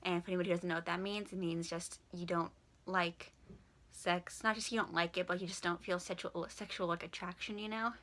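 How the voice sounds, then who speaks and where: A woman's voice: on the low side, flat delivery, a little fast, sharp tone. A young woman from Washington State with a speech impediment, saying w for r, chatting frankly and informally in a question-and-answer vlog. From Washington State, USA. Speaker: vlogger.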